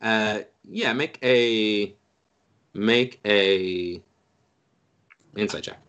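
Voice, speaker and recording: A man's voice: fairly low pitch, very slow, a bit bright, clean tone. A man running a tabletop game, in a loose, jokey manner. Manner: jokey, loose, laughing often. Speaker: game master.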